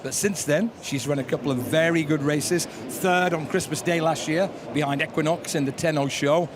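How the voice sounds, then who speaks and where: A man giving measured opinions as a racing analyst in live pre-race discussion. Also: on the high side, background noise.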